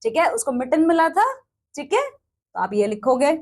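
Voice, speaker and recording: A young woman with an Indian accent teaching an English textbook lesson, mixing Hindi and English, reading sentences out slowly and checking in often. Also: high-pitched, sing-song. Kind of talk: classroom lesson explanation.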